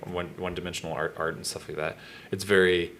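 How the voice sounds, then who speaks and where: A man from Northwestern Ontario hosting an interview, talking in a rambling, halting way with many restarts and fillers. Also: deep voice, flat delivery, fairly bright tone. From Northwestern Ontario, Canada. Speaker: podcast host. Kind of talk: casual interview chat.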